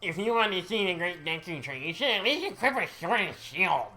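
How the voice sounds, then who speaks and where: A man's voice: sits high, big pitch swings, fairly quick, pushed and bright, soft background music, voice pushed up, exaggerated voice. A man voicing a bossy, scornful boy bully from a fantasy video game. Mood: scornful, disbelieving. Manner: scornful, challenging.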